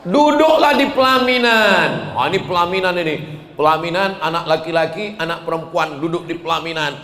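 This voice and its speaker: Animated male preacher in an echoey hall. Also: on the high side, a little fast. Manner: animated, acts out dialogues, chants Arabic. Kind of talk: humorous sermon to a crowd. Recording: echoey hall, faint noise.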